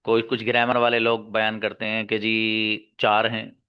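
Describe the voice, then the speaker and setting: A man teaching English grammar in an online lesson, slowly repeating key words and answering his own questions for his students. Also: lowish voice, monotone, clean tone, dull audio. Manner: calls listeners "babu" and "my friend".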